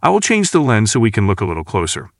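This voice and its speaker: A man reading as a calm, measured scientist. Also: on the low side, dry recording, clean studio sound. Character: calm male station chief scientist. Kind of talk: audiobook character reading.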